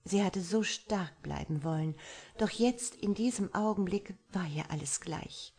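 A woman narrating a romance novel as an audiobook, reading softly and intimately, at times sinking into a whisper. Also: lowish voice, unhurried, breathy edge.

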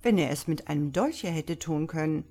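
A woman voicing an impatient, sharp-minded male doctor who questions forcefully in a read-aloud story. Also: deep voice, lively intonation. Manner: forceful, sharp, quick to anger.

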